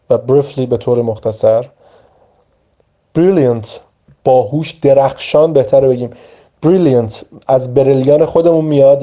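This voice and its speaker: A man with a very dark, mellow voice teaches English vocabulary word by word. He drills each pronunciation slowly and patiently before explaining it. The recording sounds muffled and lo-fi. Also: mid-range voice. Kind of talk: vocabulary lesson.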